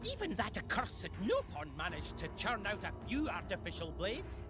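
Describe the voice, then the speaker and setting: A woman's voice: mid-range voice, huge pitch swings, moderate pace, music in the background. A woman playing a mad genius villain in a video game cutscene, gloating theatrically in a mustache-twirling manner. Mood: grandiose boasting.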